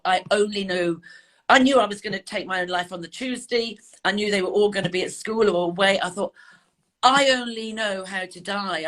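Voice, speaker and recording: A woman's voice: medium pitch, bright, forceful tone. An older woman, a guest on an interview, earnestly recounting a painful personal experience and quoting the people she spoke to. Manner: earnest, quotes others' words in her retelling. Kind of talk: emotional personal account.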